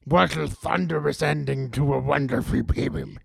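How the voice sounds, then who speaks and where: A fussy, self-important poetry host, as a man puts him on, drags out every word. The voice is deep in gravel and husky, slightly high for a man, recorded dry and close. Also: no room sound, full character voice. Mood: stern. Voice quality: gravelly, husky, slow and deliberate. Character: stuffy, fussy male poetry show host.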